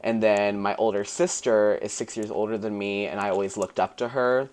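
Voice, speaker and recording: A man's voice: fairly low pitch, fairly even intonation, normal speed, darkish tone. A man who performs as a drag queen, chatting casually as a guest, giggling and swearing freely in a playful way. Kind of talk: casual chat.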